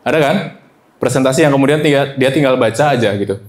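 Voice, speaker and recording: A man in his thirties giving a presentation-skills workshop, animated and demonstrative, switching between high and low voices to show examples. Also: fast talker. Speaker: presentation trainer. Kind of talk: workshop lesson.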